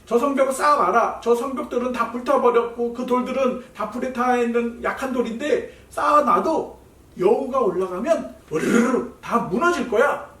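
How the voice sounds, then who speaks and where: Man doing a scornful enemy, sneering, taunting, high voice, heard from far off. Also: moderate pace, fairly bright tone. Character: scornful male enemies mocking wall builders. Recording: roomy echo, voice heard from a distance.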